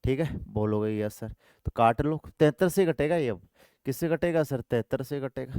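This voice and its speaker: Male math teacher, call-and-response style, repetitive, smooth clear voice, dry close sound. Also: medium pitch, lively intonation, normal speed, a little mellow, dry recording. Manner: repetitive call-and-response, puts answers in students' mouths; affectionate coaxing, calls students 'my dear brother'. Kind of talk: online exam-prep math lesson.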